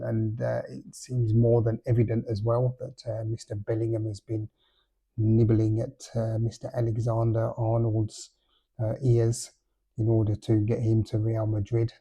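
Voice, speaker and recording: A man's voice: on the low side, mellow, slightly rough. A middle-aged man hosting a casual solo football podcast, hesitant with many fillers and dry, understated remarks. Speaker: podcast host.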